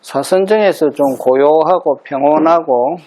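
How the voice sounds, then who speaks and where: A man's voice: a little high, unhurried, dark tone. A middle-aged man teaching meditation in a Buddhist dharma talk, explaining patiently and repeating key terms for emphasis.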